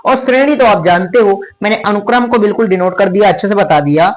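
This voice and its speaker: High-pitched male maths teacher, keeps checking if the class gets it. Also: quick pace, soft background music, poor audio. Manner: calls students "beta", checks understanding often.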